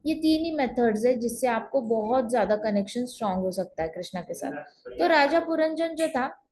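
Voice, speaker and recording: A woman's voice: fairly high pitch, lively intonation, moderate pace, a little mellow. A woman teaching at home over an online call, telling a scripture story in a chatty way and repeating phrases for emphasis.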